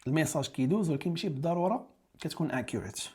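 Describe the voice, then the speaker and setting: A man's voice: a little high, lively intonation, rapid-fire, dark tone, husky. A man with a Moroccan Arabic accent teaching an exam-prep lesson, explaining step by step and rephrasing key English terms in Darija.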